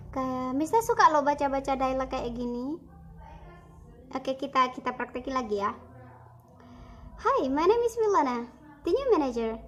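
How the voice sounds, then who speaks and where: A woman's voice: fairly high pitch, a little hiss or hum. A young woman teaching English in an online video lesson, explaining over slides in a chatty, casual classroom tone.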